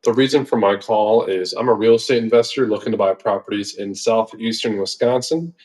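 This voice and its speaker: A man leaving a voicemail as a real estate investor, reading a set sales pitch in an even, polite tone. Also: a little fast, low-quality recording. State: leaving a voicemail for a property owner. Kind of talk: cold call message.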